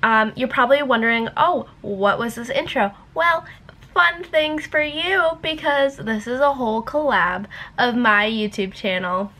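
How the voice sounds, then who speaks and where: A woman's voice: fairly high pitch, unhurried, bright, forceful tone. A woman chatting casually to her vlog camera, rambling and giggly, talking with a retainer in and short on sleep. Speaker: YouTuber.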